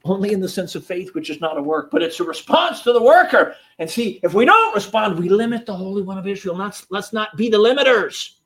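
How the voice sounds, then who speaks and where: A male preacher delivers a sermon to a seated congregation. His voice sits high and rises and falls dramatically, breaking into laughter and sudden shouts. He speaks with animated, storytelling energy. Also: a little fast, few pauses. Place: church or meeting hall with seated audience.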